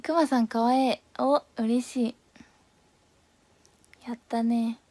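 A young woman with a high voice talks to her viewers on a live stream, playful and quick to giggle. She reads out their comments and answers them in a relaxed, chatty way.

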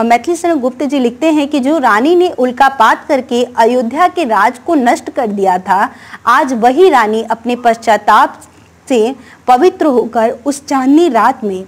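High-voiced woman explaining poetry. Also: expressive, a little slow. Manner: reads a verse, then explains each word's meaning. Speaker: teacher. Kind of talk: explaining a Hindi poem line by line.

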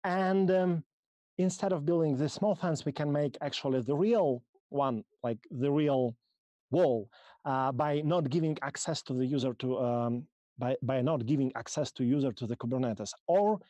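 A Russian man with a Russian accent gives a halting technical conference talk in English, his second language, over a video call from a small room, full of ums and restarts. His mid-range voice is warm, with no room sound.

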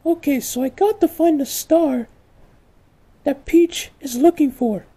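A woman's voice: high-pitched, unhurried, warm tone. A woman voicing an earnest, flustered male cartoon video game hero in an amateur comedic role-play, hesitant and exclaiming. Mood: puzzled.

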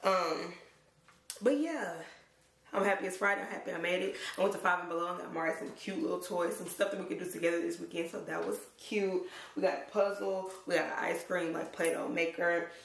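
A young adult woman chatting casually to camera in slangy, informal speech, her voice hoarse and worn out. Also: fairly low pitch, flat delivery, fast talker, few pauses. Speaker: vlogger. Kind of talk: casual vlog chat to camera. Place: bare indoor room. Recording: echoey room, clear background noise.

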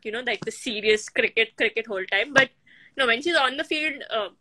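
A woman's voice: fairly high pitch, a little fast, bright, forceful tone, dry recording. A woman in her twenties with an Indian accent chats casually and teasingly as she hosts a live video call. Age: 20s. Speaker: host of a live video chat reading questions. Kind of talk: casual chat. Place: indoors at home. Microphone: video call on a phone or laptop.

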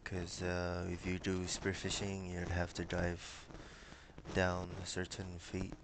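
A young man from Micronesia speaks slowly and flatly in a low voice, hesitating often with fillers as he answers questions. He talks into a headset from a small room lined with bookshelves. Steady background noise runs under the video-call audio. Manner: hesitant, pauses with many fillers. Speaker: interviewee. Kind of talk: casual interview answers.

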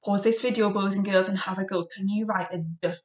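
A young woman teaching phonics to small children in an encouraging way, modelling single speech sounds deliberately and giving simple, direct instructions. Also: medium pitch, steady tone, darkish tone, far from the mic. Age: young adult. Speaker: primary school phonics teacher. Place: domestic kitchen, indoors. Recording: roomy, echoey home recording.

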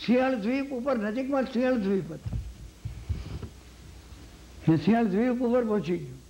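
A man delivering a Jain sermon with a Gujarati accent, his voice pitched very high. He tells a long story and acts out the characters' lines. He keeps checking that his listeners are following. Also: moderate pace, a little hiss or hum. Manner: lively storytelling, acts out quoted lines, asks the hall "samjya ne?". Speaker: Jain lecturer.

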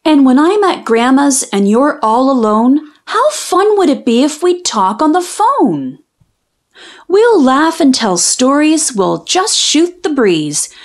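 This is a high-pitched woman reading a picture book for kids at a slow pace. Her storytelling is sing-song and expressive, lingering on the rhymes.

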